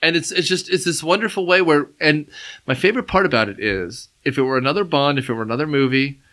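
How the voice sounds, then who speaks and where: Bright, enthusiastic man chatting about films. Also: on the high side, quick pace. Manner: enthusiastic, rambling with restarts. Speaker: podcast co-host. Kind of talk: casual film discussion.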